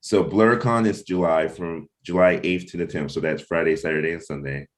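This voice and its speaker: A man with a low, steady voice speaks at a normal pace, leading a team meeting of comic book creators in a casual, informal way. He often checks in with his listeners while chatting, planning and sharing anecdotes.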